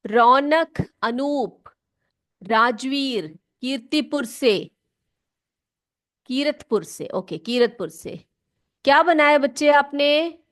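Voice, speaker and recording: A woman teacher speaks in a high voice at a slow, unhurried pace. She patiently repeats words and keeps asking the class questions. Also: expressive. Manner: calls students "beta" warmly. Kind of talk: classroom lesson.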